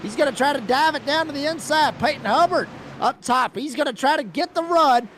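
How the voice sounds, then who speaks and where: A man's voice: extremely high pitch, fairly quick, fairly bright tone, slight background noise. A man calling a race as lead commentator, with folksy, announcer-like play-by-play.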